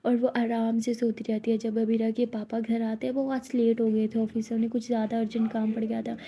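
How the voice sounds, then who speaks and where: A woman's voice: fairly high pitch, completely flat delivery, brisk, mellow, slight background noise. A woman narrating a romantic story in a casual, chatty way. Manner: chatty, informal retelling.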